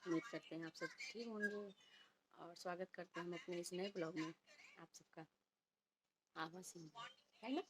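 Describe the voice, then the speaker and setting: A woman in her thirties chatting softly in a casual home vlog, recorded at home on a phone set a little way off. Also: on the low side, steady tone, moderate pace, pauses often, very noisy. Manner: speaks softly and quietly. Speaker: vlogger and homemaker. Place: indoors at home. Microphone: phone placed a little way off.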